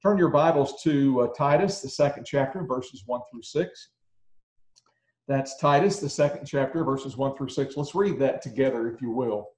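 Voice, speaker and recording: A man in his sixties giving a conversational sermon to a congregation, often pausing with filler words. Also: medium pitch, a little mellow. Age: 60s. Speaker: preacher. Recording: roomy echo.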